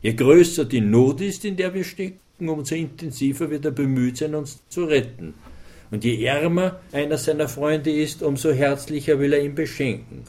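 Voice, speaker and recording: A man's voice: on the high side, normal speed, a little mellow. A man preaching a sermon, quoting scripture with fervent emphasis.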